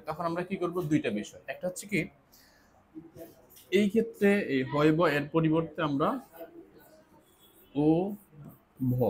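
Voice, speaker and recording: A man teaches an exam-prep lesson step by step, repeating key points and answering his own questions. His voice is a little high, and there's slight background noise.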